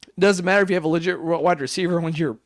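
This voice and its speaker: A young man in his twenties co-hosting a podcast, rambling excitedly about football with plenty of swearing. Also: on the high side, rapid-fire, dry recording, studio quality. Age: 20s. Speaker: podcast co-host. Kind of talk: casual chat.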